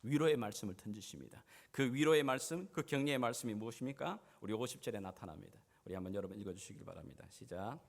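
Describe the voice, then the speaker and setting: A man preaching a passionate sermon as pastor, swinging between hushed and loud. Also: lowish voice, fast, gravelly, hardly any pauses. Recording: church hall reverb.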